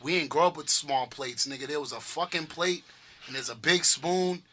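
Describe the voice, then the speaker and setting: Boston guy, guest teacher on a casual podcast, swaggering and profane, bright ringing tone. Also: on the high side, moderate pace. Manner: loud, profane, storytelling swagger.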